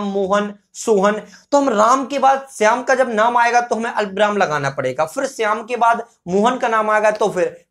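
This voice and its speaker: Guy doing a grammar lesson, asks himself questions n answers them, says the examples real slow. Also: very high voice, a bit bright. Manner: repeats example sentences slowly. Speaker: teacher.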